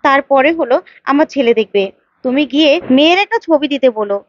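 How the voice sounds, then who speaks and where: Woman playing a bossy older mom, fussy and in charge, fast high talk. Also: highs cut off, natural voice.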